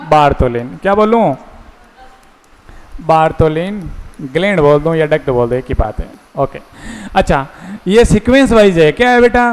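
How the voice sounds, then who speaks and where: High-voiced male teacher in echoey classroom. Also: smooth. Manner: coaxing call-and-response questioning. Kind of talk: classroom lecture.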